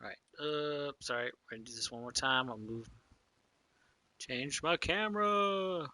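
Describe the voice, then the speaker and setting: A man's voice: on the high side, measured pace, bright, forceful tone, slight background noise. A man streaming a game, talking to himself in a mumbling way and often dropping to a whisper. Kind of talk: let's play commentary.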